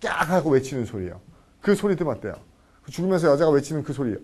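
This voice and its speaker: Animated, husky-voiced man lecturing a class. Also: a little high, rapid-fire. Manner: animated, constantly checks in with the class. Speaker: English vocabulary lecturer.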